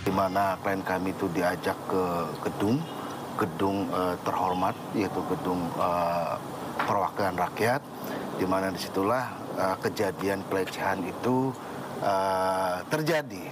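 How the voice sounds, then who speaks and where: A man's voice: low voice, music in the background. A man speaking as a lawyer to reporters, hesitating often with "eh" fillers. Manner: halting, many "eh" fillers. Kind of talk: interview statement.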